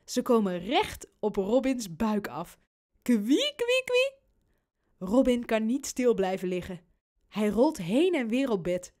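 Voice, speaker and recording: Slow, expressive woman reading a storybook. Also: medium pitch. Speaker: audiobook narrator.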